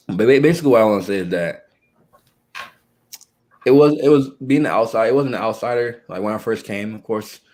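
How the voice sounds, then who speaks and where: Somewhat low-voiced, a young man answers questions as a guest in a casual interview, faltering, restarting and filling gaps while he finds his meaning. There's a slight noise in the background.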